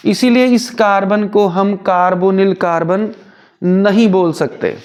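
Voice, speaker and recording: A man's voice: high-pitched, fairly even intonation, takes it slowly, a little mellow. A male chemistry teacher, explaining step by step and asking and answering his own questions. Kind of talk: Hindi-English chemistry lecture.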